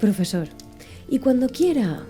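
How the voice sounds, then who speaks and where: A woman doing a cold but polite submarine captain, raised pitch, very dark mellow tone, formal and exact, soft music under. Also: sing-song, unhurried. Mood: composed, formal. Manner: cool, formal, precise. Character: aloof, courteous male submarine captain.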